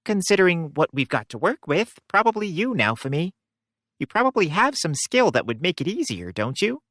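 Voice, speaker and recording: A woman's voice: lowish voice, very animated, normal speed, fairly bright tone, no echo, clean studio sound. A woman voicing an earnest young heroine who loves fishing and talks in a matter-of-fact way. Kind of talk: audiobook character voicing.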